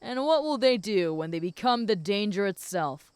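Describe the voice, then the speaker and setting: A woman voicing a flirty, possessive and protective female werewolf in an intimate audio role-play, speaking teasingly to the listener in a smooth voice. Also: mid-range voice, lively intonation, moderate pace, dry recording, close to an everyday voice. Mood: calm, teasing. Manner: flirty, teasing, with soft chuckles.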